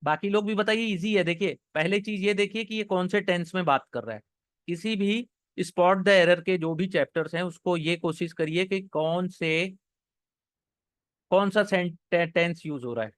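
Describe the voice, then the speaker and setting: A man's voice: high voice, a bit bright, dry recording. A young man teaching an exam-prep class live, encouraging his students and explaining each answer step by step. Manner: encouraging, explains step by step, reads sentences slowly. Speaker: online English teacher.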